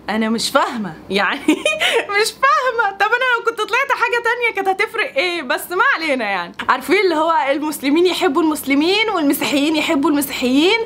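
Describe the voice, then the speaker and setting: A young woman with an Egyptian accent talking in a casual vlog, animated and exasperated, laughing often. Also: sits high, slight background noise. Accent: Egyptian Arabic. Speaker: vlogger.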